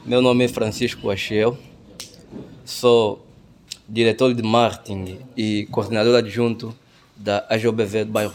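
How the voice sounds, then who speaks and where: Calm male, low, even self-introduction. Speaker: marketing director.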